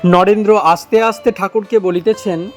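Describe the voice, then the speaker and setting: A man reading a devotional text aloud in a slow, measured recitation. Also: sits high, fairly even intonation, faint music behind. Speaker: reader.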